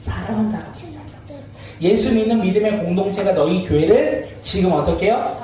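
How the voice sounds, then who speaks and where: A man's voice: high-pitched, animated, fast talker, dark tone. A man preaching a sermon as pastor, asking his congregation questions and acting out everyday scenes with laughter. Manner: asks the congregation questions and waits for replies. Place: church sanctuary. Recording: echoey church hall from a distance.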